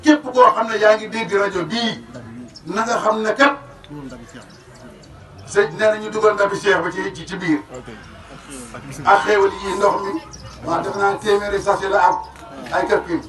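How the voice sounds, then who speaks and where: A man delivers an emphatic religious address, his voice pitched high. He sounds distant from the mic, and the sound rings through an echoey space. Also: steady tone, moderate pace, pauses often, fairly bright tone. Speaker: religious speaker. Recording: echoey, from far off.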